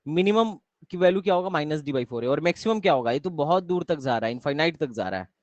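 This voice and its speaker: A man's voice: fairly high pitch, lively intonation, quick pace, no echo, highs cut off. A young man teaching math in a live online class, often quizzing his students and repeating his questions. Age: young adult.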